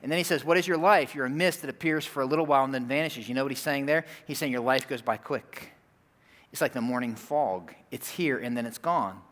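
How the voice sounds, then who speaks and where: Middle-aged male pastor, chatty sermon storyteller, mid-pitched, big hall reverb. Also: brisk, a bit bright. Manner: conversational, storytelling with asides to the congregation. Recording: long reverb of a church hall.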